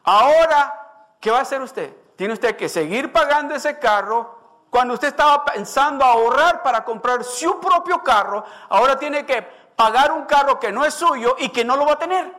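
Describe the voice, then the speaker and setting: A man's voice: extremely high pitch, lively intonation, moderate pace, pushed and bright. A male pastor preaching an emphatic sermon, asking the congregation questions and acting out scripture.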